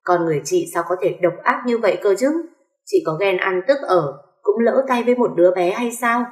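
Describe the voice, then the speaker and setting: A woman's voice: medium pitch, fairly quick, natural voice. A woman voicing a spiteful, sneering young sister-in-law in an echoey room.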